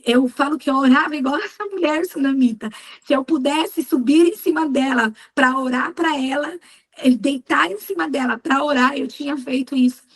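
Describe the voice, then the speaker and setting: A woman's voice: high voice, normal speed, rough recording. A middle-aged woman giving a fervent church testimony, telling her story emphatically and quoting her own prayers. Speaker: speaker at a women's church meeting. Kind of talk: testimony sermon.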